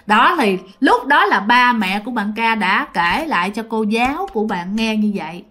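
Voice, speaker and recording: A woman's voice: fairly high pitch, expressive, normal speed, pushed and bright. A woman, hosting a channel and telling a ghost story in a chatty, casual way, often addressing her listeners. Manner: chatty, addresses listeners directly, many fillers.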